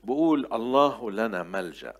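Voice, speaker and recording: An older man delivers a sermon in a fairly low voice. He bursts into loud, emphatic scripture quotes, then drops back to soft, conversational asides. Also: animated, normal speed. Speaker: pastor.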